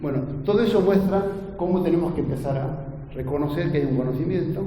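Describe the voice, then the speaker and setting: A man gives an earnest lecture, his voice mellow and pitched a little high. He keeps drawing the audience in with quick tag questions. He sounds distant in a long-echoing hall with a faint hum of room noise. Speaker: agronomy lecturer.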